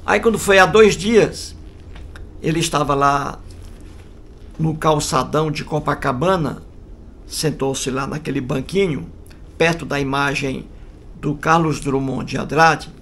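A man's voice: mid-range voice, steady tone, a little slow, creaky, a bit bright, slight background noise. A man casually telling a long joke, rambling and repeating himself with folksy asides. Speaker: joke storyteller.

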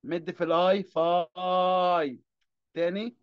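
A man's voice: sits high, takes it slowly, dry recording, highs cut off. A man with an Egyptian Arabic accent teaching children English phonics, patiently drilling them one word at a time. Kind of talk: classroom phonics lesson.

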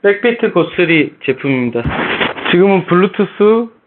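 Casting: male product reviewer, middle-aged, high voice, repetitive announcing delivery, muffled lo-fi Bluetooth mic sound. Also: expressive, moderate pace, background noise. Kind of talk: scripted-style product test presentation to camera. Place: plain small room indoors. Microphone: various Bluetooth earphone and neckband mics. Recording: dull lo-fi Bluetooth headset microphones.

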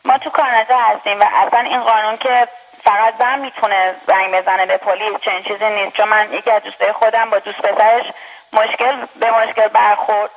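A woman calling in to a show, arguing her point in a hesitant, halting way. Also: mid-range voice, flat delivery. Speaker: caller. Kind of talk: call-in debate over the phone. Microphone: phone line. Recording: dull phone-line sound.

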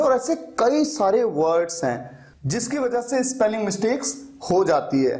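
A man's voice: high-pitched, darkish tone. A man teaching an English spelling lesson, who explains patiently, asks questions and answers them himself.

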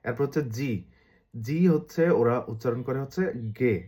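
Guy with a bangladeshi accent teaching letters, chatty, says each sound slow and twice, mid voice. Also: medium pitch, warm tone, husky. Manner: conversational, repeats sounds slowly to demonstrate. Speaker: language teacher. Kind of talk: casual lesson explaining pronunciation.

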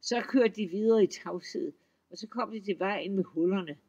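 A man reading a folk tale aloud in a lively, expressive storytelling manner. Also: sits high, slightly rough, highs cut off.

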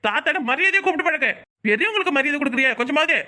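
A woman's voice: high voice, lively intonation, rapid-fire, pushed and bright. A woman voicing a stern old grandfather who scolds his daughter-in-law and grandson, with a southern Tamil Nadu accent. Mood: scolding. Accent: southern Tamil Nadu, Tirunelveli-Kanyakumari. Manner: scolding, threatening.

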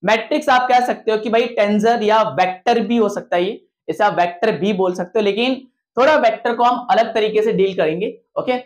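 A man's voice: high-pitched, moderate pace. A male teacher lecturing to his students. He keeps asking questions and then answering them himself, repeating each key point several times. He mixes English technical terms into his explanations. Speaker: physics and maths teacher.

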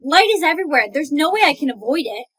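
A woman's voice: sits high, lively intonation, fast talker, fairly bright tone. A young woman acting in comedy skits, with dramatic, anxious outbursts. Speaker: skit creator.

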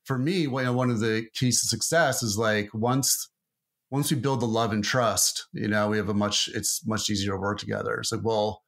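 A man's voice: lowish voice, fairly bright tone. A man talking loosely in a podcast interview, full of fillers and restarts. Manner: rambling, many fillers and restarts. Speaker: marketing guest. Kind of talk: casual interview talk.

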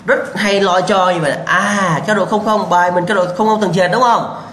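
High-voiced man lecturing in an echoey room. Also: steady tone, normal speed, a bit bright. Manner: quizzing students with rhetorical questions, repeating answers; blunt, scolding warnings. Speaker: civil engineering lecturer. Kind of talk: lecture to students. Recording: echoey room with faint background hum.

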